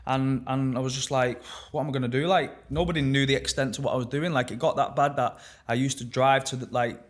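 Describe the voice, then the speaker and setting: A young man talking openly and reflectively as a podcast guest, halting often and swearing casually. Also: medium pitch, steady tone. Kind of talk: candid personal conversation.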